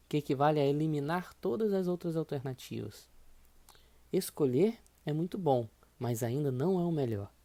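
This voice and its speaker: Mellow-voiced man teaching motivationally. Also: on the high side. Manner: emphatic, urging listeners to repeat affirmations aloud. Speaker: course instructor. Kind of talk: motivational lesson.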